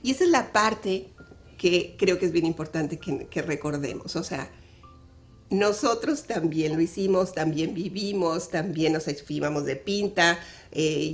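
Chatty Mexican woman radio host. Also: low voice. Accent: Mexican Spanish. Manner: animated storytelling, acts out dialogue, laughs often. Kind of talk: live radio talk about parenting.

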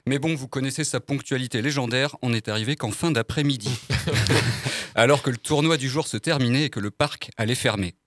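A man's voice: medium pitch, a little fast, fairly bright tone, dry recording, clean studio sound. A man co-hosting, reading scripted comic narration in a wry, playful way. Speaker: co-host narrator.

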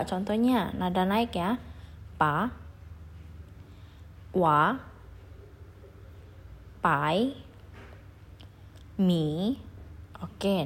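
A woman's voice: on the low side, a little mellow, husky. A young adult woman teaching a patient beginner language lesson, leading listeners through repetition drills. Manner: patient, repeats drills, asks listeners to follow along.

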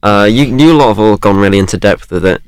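A man's voice: lowish voice, expressive, fast talker, smooth, dry recording. A man co-hosting a casual film podcast with friends, talking in a laid-back, joking way. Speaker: podcast co-host. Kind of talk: casual chat among friends.

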